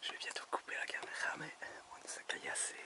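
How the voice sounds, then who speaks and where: A man's voice: fast, in a whisper. A man casually narrating his night exploration as an urban exploration vlogger, informal and given to mild swearing. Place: inside large empty abandoned building and rooftop. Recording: echoey, very noisy handheld camera audio.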